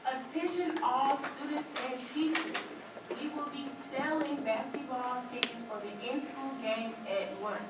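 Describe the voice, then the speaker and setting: Woman on the school intercom, upbeat notice reading, far-off loudspeaker sound. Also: high voice, steady tone, a little slow. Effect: over the school intercom. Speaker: school announcer. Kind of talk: school announcement. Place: classroom, heard through a wall speaker. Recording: distant echoey loudspeaker with loud classroom noise.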